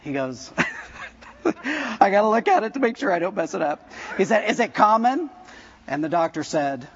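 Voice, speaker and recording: Preaching to his church, a pastor in his fifties keeps it casual and jokey, putting questions to the congregation. He speaks at a moderate pace in a high, breathy voice with big pitch swings, on lo-fi sound.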